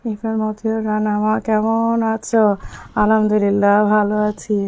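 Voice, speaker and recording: A young woman from Bangladesh, slightly hoarse and coughing from illness, chatting with viewers as she sells on a live stream and answers their comments. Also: medium pitch, completely flat delivery, darkish tone. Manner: speaks slowly to spare her voice. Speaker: online shop owner selling on a live stream. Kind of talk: live-stream sales talk.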